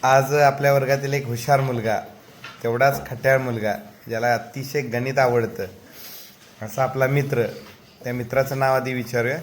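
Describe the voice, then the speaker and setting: Gently teasing man interviewing a child. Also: medium pitch, level tone, moderate pace, slight background noise. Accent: Marathi. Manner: gently teasing, coaxing questions. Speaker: teacher interviewing a pupil.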